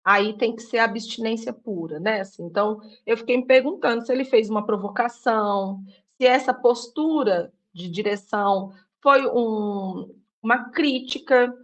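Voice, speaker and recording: A woman's voice: fairly high pitch, normal speed. A woman who works in public mental health care talks through her doubts in a casual discussion. She questions and reflects as she goes, padding her sentences with small fillers.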